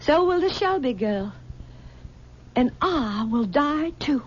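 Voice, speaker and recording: An older, possessive mother coaxes and stammers haltingly, voiced by an actress in a high-pitched, exaggerated voice with big pitch swings. The recording is a dull 1970s radio broadcast drama.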